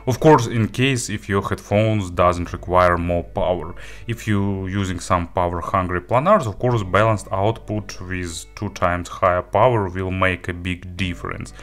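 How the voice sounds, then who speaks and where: A man with a low voice reviews audio gear casually, speaking haltingly and filling his talk with filler words.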